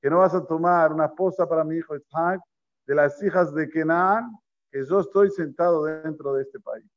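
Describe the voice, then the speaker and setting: A man with a voice on the high side leads a Torah class for a live group at a normal speed. He tells stories, poses questions to his listeners, and mixes in Hebrew terms. The recording is lo-fi.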